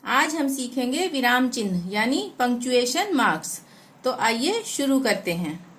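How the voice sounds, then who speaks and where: A woman teaching a Hindi grammar lesson, reading example sentences slowly and deliberately. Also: fairly high pitch, very animated, a bit bright, a little hiss or hum.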